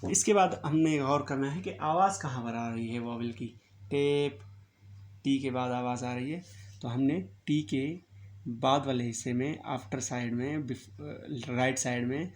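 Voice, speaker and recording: A man teaching shorthand step by step, patiently repeating each point and checking "clear?" after every word. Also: medium pitch, darkish tone. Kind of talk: step-by-step classroom instruction.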